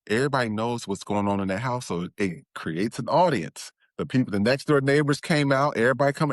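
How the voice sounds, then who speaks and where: Man, interview guest, low voice, candid halting storytelling, dry close sound. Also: dry recording. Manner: candid, halting with restarts and acted-out quotes.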